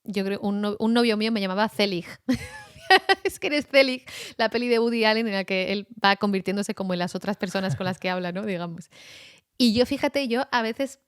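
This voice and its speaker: A woman talking as a guest on a podcast in a relaxed conversation. She is animated and laughs often. Her voice sits in the middle range, recorded dry and close. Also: mid-range voice, fairly quick, clean tone, no room sound. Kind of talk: casual conversation.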